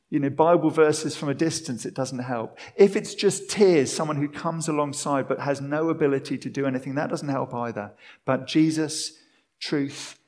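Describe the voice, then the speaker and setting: A man delivers a sermon in an animated way, his voice swinging between lively emphasis and hushed, slowed passages. His pitch sits in a middle range. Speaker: preacher.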